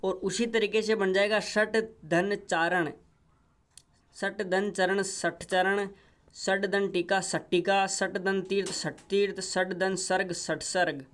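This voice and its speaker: A man's voice: high voice, level tone, slow, a bit bright. A man teaching a grammar lesson, going over each rule step by step and repeating the examples. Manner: repetitive step-by-step explaining.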